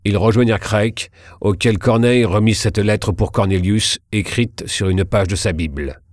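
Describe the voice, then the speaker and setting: A man narrating a historical story in a measured, steady reading. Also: lowish voice, no room sound, clean studio sound.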